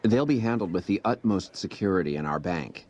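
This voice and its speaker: An actor playing a polite, officious hotel greeter in a video game, with the formal courtesy of a petty bureaucrat. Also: male voice, sits low, animated, a little fast, darkish tone, dull audio. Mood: officious, courteous. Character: polite, officious male casino hotel greeter enforcing house rules. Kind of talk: video game character dialogue.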